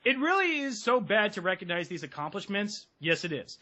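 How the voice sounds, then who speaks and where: A man co-hosting a podcast, chatting casually with sarcastic, animated commentary. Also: high-pitched, fairly quick, lo-fi sound. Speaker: podcast co-host.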